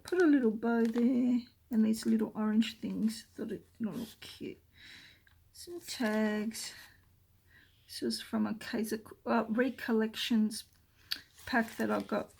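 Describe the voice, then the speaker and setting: Slow, gravelly woman chatting. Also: fairly high pitch. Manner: chatty, rambling, often trails into soft murmurs. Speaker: craft vlogger. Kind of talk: casual show-and-tell. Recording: noisy room with paper crinkling.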